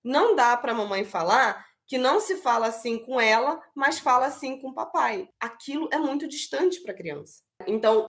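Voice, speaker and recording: A woman talking through parenting advice, breaking into playful high voices to act out what to say to a child. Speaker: parenting educator.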